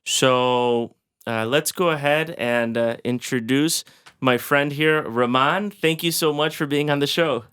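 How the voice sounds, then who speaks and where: Upbeat male podcast host, smooth voice. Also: medium pitch, unhurried, fairly bright tone. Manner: upbeat, encouraging, many fillers. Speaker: podcast host and real estate broker. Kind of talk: casual podcast hosting.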